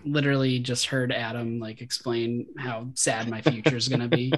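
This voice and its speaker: A man's voice: mid-range voice, steady tone, moderate pace. A man co-hosting a casual chat, teasing his friend and laughing often. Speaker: podcast co-host.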